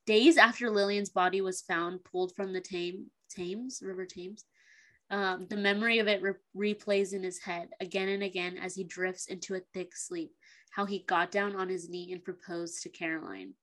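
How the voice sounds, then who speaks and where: A woman's voice: mid-range voice, fairly even intonation, moderate pace, fairly bright tone. A woman co-hosting a casual book podcast, talking bluntly with lots of slang and emphatic asides.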